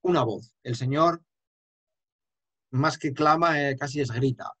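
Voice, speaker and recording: A man's voice: mid-range voice, unhurried, fairly bright tone. A man giving an emphatic, explanatory lesson on chant and singing short examples. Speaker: chant teacher. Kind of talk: lecture with sung examples.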